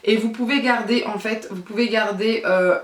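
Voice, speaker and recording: A woman's voice: on the high side, fairly even intonation, moderate pace. A woman in her thirties from France, casually reviewing beauty products in a chatty, repetitive way with frequent hesitations. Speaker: beauty vlogger. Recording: roomy sound from a distance.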